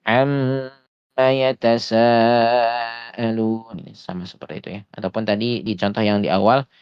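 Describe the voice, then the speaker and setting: A man's voice: lowish voice, fairly even intonation, no room sound. Man, recitation teacher, online lesson, patient, hesitant fillers, dull lo-fi voice chat, dry close sound. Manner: patient explaining with frequent hesitations; often slows to demonstrate sounds. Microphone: voice chat headset or desktop mic.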